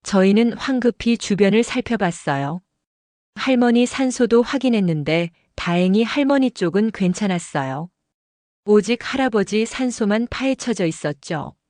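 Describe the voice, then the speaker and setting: A woman with a mid-range voice narrates an audio drama in the first person, telling the story calmly at normal speed. The close studio recording is completely dry, with no room sound.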